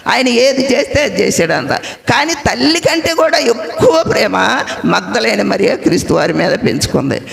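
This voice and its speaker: Woman preacher, gravelly voice, colloquial sermon storytelling with rhetorical questions. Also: fairly high pitch, sing-song, moderate pace.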